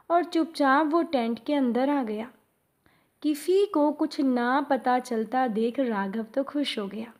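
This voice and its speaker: Slow, calm woman telling a devotional story. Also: on the high side. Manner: slow, calm, addresses the congregation. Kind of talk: devotional moral story narration.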